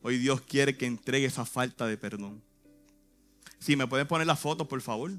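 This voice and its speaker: A man's voice: medium pitch, normal speed, fairly bright tone, soft background music. A man, a youth pastor giving an earnest, emotional church testimony in short phrases. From Puerto Rico.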